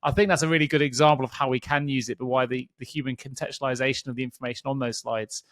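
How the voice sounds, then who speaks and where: A man's voice: mid-range voice, steady tone, very fast, fairly bright tone, dry recording, studio quality. A man hosting a podcast, talking in a loose, conversational way with frequent restarts as he thinks aloud. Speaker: podcast host.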